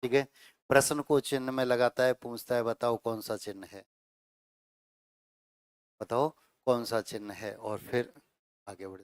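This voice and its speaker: A middle-aged man lectures his class on grammar, going over each point twice and pausing to ask if everyone follows. His voice is clear and resonant. The sound is close and dry, with no room echo. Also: medium pitch. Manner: explains slowly with repeated phrases and checks like 'theek hai'. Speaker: Hindi grammar teacher.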